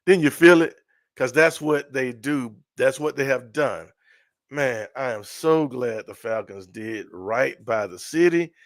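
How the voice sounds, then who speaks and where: A middle-aged man hosting a casual live sports stream, excitable and repetitive, often trailing off mid-sentence. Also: mid-range voice, takes it slowly, no room sound, studio quality. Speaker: sports show host.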